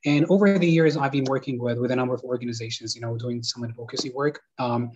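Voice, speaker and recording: A man's voice: medium pitch, fast, darkish tone, slight background noise. A young man from Sudan speaking on a conference panel over a video call from his living room, hesitant with many fillers and restarts. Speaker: panelist and moderator. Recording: dull lo-fi video call audio.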